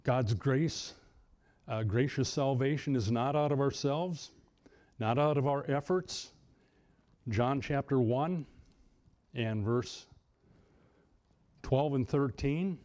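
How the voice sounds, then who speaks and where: Male preacher with a mellow voice, halting delivery, lifts his pitch for emphasis. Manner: halting, many restarts, rises high for emphasis. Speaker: pastor. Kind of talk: sermon.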